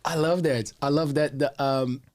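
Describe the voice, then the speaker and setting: A man hosts a laid-back podcast interview and asks his questions in a loose, hesitant way with plenty of fillers. His voice has an ordinary middle pitch. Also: fairly even intonation, moderate pace, darkish tone, no echo, studio quality. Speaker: podcast host.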